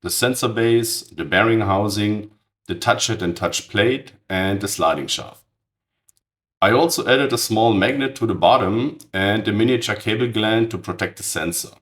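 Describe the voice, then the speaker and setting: A man with a raspy, hoarse voice from a cold, giving a precise, matter-of-fact technical narration as channel host. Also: fairly low pitch, normal speed, a bit bright. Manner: precise, matter-of-fact, blunt verdicts on tools.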